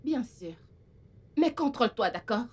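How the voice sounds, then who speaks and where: A woman's voice: a little high, expressive, measured pace, breathy edge. A woman dubbing a film role: a haughty, vain young woman who bosses her new housemaid around. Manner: haughty, commanding, scolding. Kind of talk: dubbed film acting.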